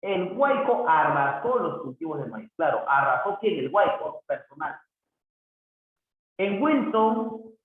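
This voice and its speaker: Man teaching a lively grammar class over tinny audio. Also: sits high, slight background noise. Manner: explains with examples, frequent checking questions. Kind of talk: grammar lesson. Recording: tinny phone-like audio, very echoey room.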